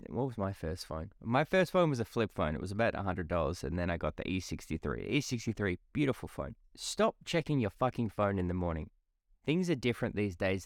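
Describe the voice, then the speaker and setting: A man in his twenties hosts a solo motivational podcast in a fairly low voice, recorded dry with clean studio sound. His delivery is casual, chatty and blunt, and he swears freely.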